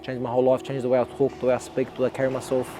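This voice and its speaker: A man's voice: medium pitch, monotone, very fast, over music. A young Australian man, an amateur boxer, talking earnestly and reflectively in a documentary interview, often restarting his sentences.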